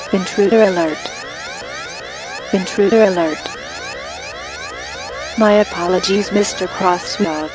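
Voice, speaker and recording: A woman voicing a calm computer security system that announces alerts in an even, distant tone. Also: lowish voice.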